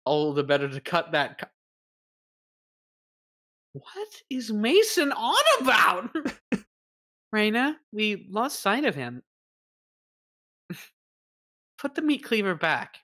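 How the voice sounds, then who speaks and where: A woman's voice: medium pitch, huge pitch swings, takes it slowly, pauses often, fairly bright tone. A woman streamer chatting casually during a game, playful and teasing, with casual swearing. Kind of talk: casual gameplay banter.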